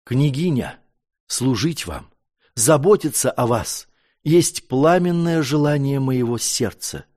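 A man voicing a courteous young officer speaking softly and gallantly in a storybook reading. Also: lively intonation, slow pace. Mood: tender. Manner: soft, courtly, low. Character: gallant young male adjutant, soft and courtly.

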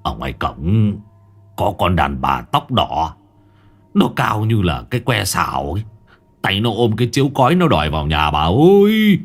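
A man's voice: low voice, very animated, normal speed, exaggerated voice. A man voicing a frightened middle-aged village husband, stammering and wailing in fear. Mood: panicked. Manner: stammering, fearful wails.

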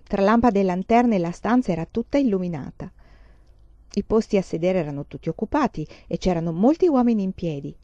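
A woman reading a novel aloud in a slow, calm, expressive way. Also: mid-range voice, no room sound, lo-fi sound. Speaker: audiobook reader. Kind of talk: scripted narration.

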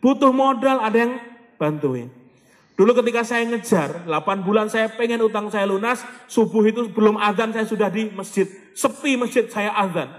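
A man giving an animated motivational sermon, dropping in Javanese and Arabic phrases and acting out people praying. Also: sits high, moderate pace. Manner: animated, acts out voices of people praying and pleading. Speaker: motivational preacher. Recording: long hall reverb.

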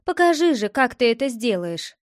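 A woman's voice: fairly high pitch, very animated, normal speed, no room sound, studio quality. A woman voicing a young girl who coyly keeps a secret from her brother and teases him. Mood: teasing. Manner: teasing, coy, lightly scolding.

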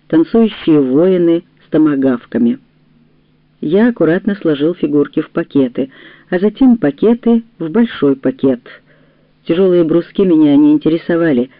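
A woman's voice: lowish voice, no echo. Woman narrating an audiobook, tinny sound. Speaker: audiobook reader. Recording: tinny phone-like, dry sound.

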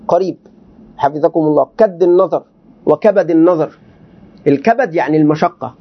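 A man teaching a classical text to students in a lecture, explaining words and quizzing them with questions. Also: fairly high pitch. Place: teaching session with students present. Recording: dull lo-fi recording.

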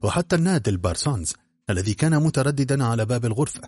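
A man narrating a detective drama in an expressive, measured storytelling manner. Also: medium pitch, slightly rough.

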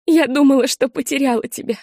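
A woman's voice: sits high, fairly even intonation, fast, warm tone, dry recording, clean studio sound, pitched above the performer's own voice. A woman reading an audiobook and voicing a mother who speaks in a raised, emotional voice, frantic with worry for her daughter. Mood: distraught. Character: terrified, tearful mother of the narrator.

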